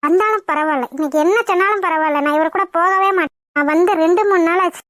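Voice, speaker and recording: A proud young wife from a cartoon, voiced by a woman, sulking and scolding with indignation. Her voice is squeaky and extremely high. It is dry and close to the mic. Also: fast talker, fairly bright tone, no room sound. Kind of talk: cartoon voice acting.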